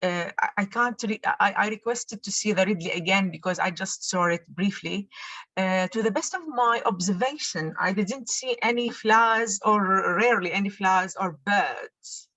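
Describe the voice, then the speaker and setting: A woman in the audience giving a comment on a video call, halting and repeating words as she speaks. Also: mid-range voice, a bit bright, no echo. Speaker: audience member.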